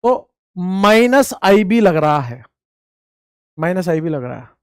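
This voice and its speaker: Here a man with a high voice, wide pitch swings, and a clear, resonant tone speaks slowly in a casual, joking chemistry class. Treating students like friends, he teases them, repeats the main points, and answers his own questions. It's studio quality with no echo.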